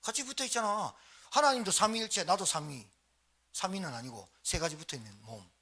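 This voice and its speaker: A man's voice: high voice, expressive, brisk, bright, forceful tone, breathy edge. A male pastor preaching a live sermon in a church, exhorting the congregation with short repeated phrases and calls for response. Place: church sanctuary, live service.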